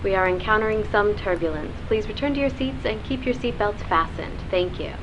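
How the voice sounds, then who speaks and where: A woman voicing a female flight attendant who makes a formal cabin PA announcement in a polite, even tone. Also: mid-range voice, a little fast. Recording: muffled lo-fi game audio with loud noise.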